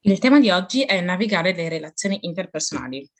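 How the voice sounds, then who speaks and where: A woman's voice: fairly low pitch, lively intonation, quick pace. A woman co-hosting a podcast in casual chat, with a playful, teasing manner. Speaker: podcast co-host.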